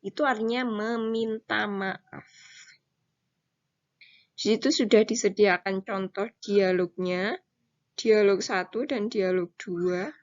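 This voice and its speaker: A woman English teacher with an Indonesian accent, giving a recorded online lesson, reading English phrases slowly and then explaining them in Indonesian. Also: mid-range voice, fairly even intonation, lo-fi sound.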